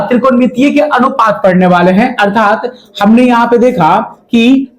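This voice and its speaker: A man's voice: high-pitched, a little mellow, rough recording. A man teaching a math class. He asks the students questions, answers them himself and repeats the key words. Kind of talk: classroom lecture.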